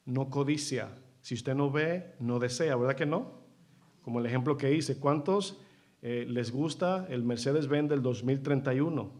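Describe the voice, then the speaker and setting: A man preaching a sermon to a church congregation. He asks his listeners questions and calls them brothers. He acts out short dialogues, switching into other voices. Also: medium pitch. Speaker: pastor.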